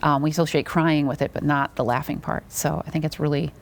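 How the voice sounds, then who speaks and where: Low-voiced woman interviewer, thoughtful. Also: fairly even intonation, a little fast, vocal fry, slight background noise. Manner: warm, affirming, reflective, frequent mm-hmms. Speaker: interviewer, therapist and teacher. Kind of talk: interview conversation.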